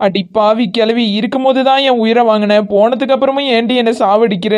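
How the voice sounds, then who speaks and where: A woman's voice: on the high side, fairly even intonation, a little fast, darkish tone, natural voice. A woman voicing a greedy, grumbling village aunt in a cartoon, with a Kanyakumari Tamil accent and a complaining, dramatic manner. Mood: wailing. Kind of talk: cartoon voice acting.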